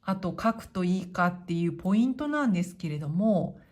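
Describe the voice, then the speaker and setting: A woman teaching hiragana, calmly reading the kana one by one and explaining how to write them. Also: fairly low pitch, fairly quick. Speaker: Japanese teacher.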